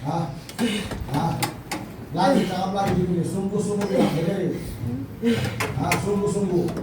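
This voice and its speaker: A man's voice: high-pitched, normal speed. A male pastor leading a deliverance prayer, pressing the person with repeated questions. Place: church hall. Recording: very echoey distant church recording with noise.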